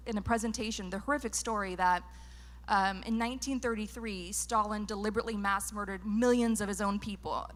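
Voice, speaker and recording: Speaking into a handheld mic at a lecture venue, an American public speaker from Northern California delivers a sincere conference talk. She has a medium-pitched, slightly bright voice and frequently hesitates with ums and false starts.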